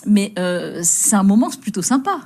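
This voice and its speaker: A woman hosting a conversational studio interview, speaking haltingly and often repeating words and phrases. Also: medium pitch, sing-song, creaky, a little mellow. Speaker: TV interviewer, host.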